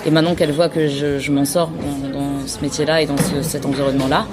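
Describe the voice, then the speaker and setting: A woman's voice: sits low, level tone, fast talker, over loud music. A woman who was born in France, a podcast guest, talks casually and thoughtfully with many fillers and restarts. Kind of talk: casual conversation.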